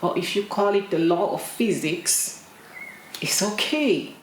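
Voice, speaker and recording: A young woman from Cameroon, talking casually to camera as a vlogger, slow and deliberate with pauses and emphatic repetitions. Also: medium pitch. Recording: echoey room with clear background noise.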